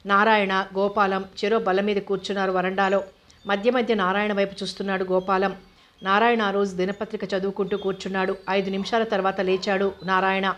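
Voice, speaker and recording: Woman reading a novel in a flat voice. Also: medium pitch, fairly quick. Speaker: narrator.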